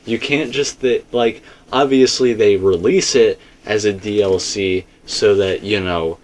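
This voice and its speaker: A man co-hosts a casual, rambling fan discussion about video game theories, often repeating himself for emphasis. His voice is fairly low, with fairly even intonation and a measured pace.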